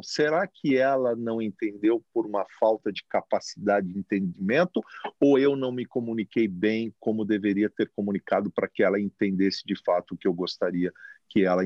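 A man who manages a TV station, answering interview questions in a reflective, expressive way and gesturing as he talks, recorded in a TV recording studio. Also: fairly low pitch, no echo, lo-fi sound. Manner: expressive, speaks with his hands.

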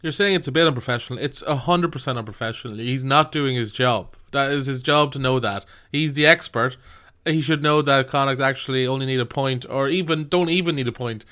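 Male, Irish accent, crisp bright voice, podcast host, casual, jokey. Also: mid-range voice, fairly quick. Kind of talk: casual chat.

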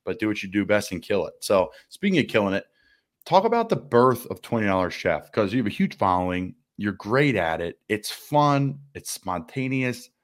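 A man with a somewhat low voice hosts a relaxed conversational interview. He riffs enthusiastically, jumping between quick asides and examples. He sounds like he's in his twenties. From United States. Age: 20s. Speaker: podcast host. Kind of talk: casual interview chat.

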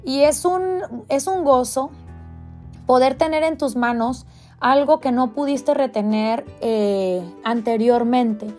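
A middle-aged woman from Mexico with a Mexican Spanish accent, a life coach sharing a devotional reflection in a conversational way, pausing and restarting often. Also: high voice, faint music behind. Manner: warm conversational, many hesitations and restarts.

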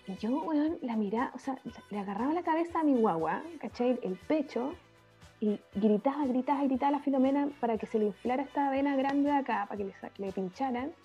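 A woman's voice: high-pitched, a little fast, dark tone, slightly rough. A Chilean mother chatting casually in a frank, emphatic, slang-heavy way. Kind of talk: casual chat. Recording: dull lo-fi audio with faint music.

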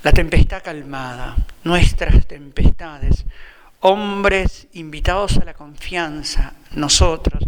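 A man's voice: on the high side, slow, long reverb tail, a crowd in the background. A man with an Argentine accent, a Franciscan friar preaching a sermon in a reflective way, often repeating phrases for emphasis. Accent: Argentine Spanish.

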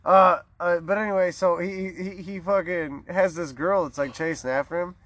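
A man's voice: sits high, steady tone, moderate pace, crowd noise. A man co-hosting a casual podcast, rambling through stories and laughing often. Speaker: podcast co-host.

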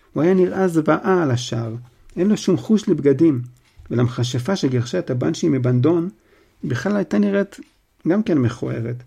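A man's voice: on the high side, creaky, mellow, husky. A man voicing a vain fraudulent male wizard teacher, smug and self-justifying, in a storybook reading.

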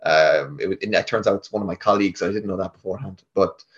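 A man's voice: deep voice, fast, dull audio. A man with a west of Ireland accent telling his story casually and chattily, often acting out bits of conversation in his own voice. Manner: chatty, self-quoting, informal. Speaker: interview guest, tech sales team lead.

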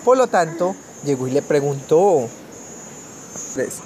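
A man from Colombia tells a children's fairy tale in a gentle, unhurried way, and his voice sits a little higher than usual for a man. Faint crickets and insects chirp behind him, and there is a light hiss of noise. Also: very animated. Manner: gentle, measured storytelling with small restarts. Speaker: family storyteller.

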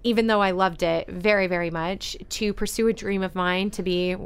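A woman's voice: medium pitch, steady tone, moderate pace, clean tone. A woman, a podcast guest, chatting casually and telling her career story with many ums. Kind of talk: casual chat.

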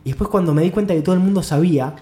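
A man with an Argentine Rioplatense accent, co-hosting a casual podcast chat, telling anecdotes and cracking quick jokes. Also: high voice, mellow. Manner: joking, chiming in with quips. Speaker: podcast co-host. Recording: roomy echo.

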